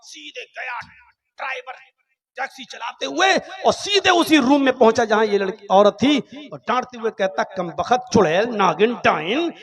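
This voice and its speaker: A man preaching who tells a humorous story in an animated, dramatic way. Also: very high voice, normal speed. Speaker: Islamic preacher.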